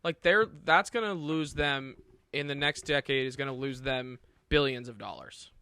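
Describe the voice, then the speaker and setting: Excitable, sharp-toned podcast host. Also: male voice, mid-range voice, moderate pace, clear, resonant tone, no echo. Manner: excitable, emphatic, profane. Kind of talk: casual chat.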